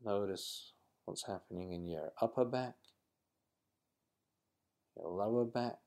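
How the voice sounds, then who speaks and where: A man leading a guided mindfulness exercise in a slow, calm, instructive manner. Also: fairly low pitch. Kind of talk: guided meditation.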